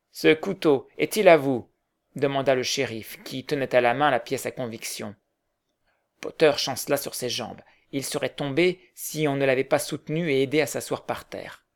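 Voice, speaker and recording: A man narrating a novel aloud in measured storytelling. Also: medium pitch. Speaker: audiobook narrator. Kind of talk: scripted narration.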